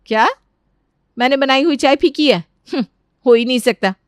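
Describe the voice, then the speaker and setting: A proud, fault-finding elder sister-in-law from a cartoon story, played by a woman. She snaps and scolds in quick bursts. The recording is dry and close. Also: high-pitched, dry recording, voice pushed up, close to an everyday voice. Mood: snappy. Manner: snappy, scolding.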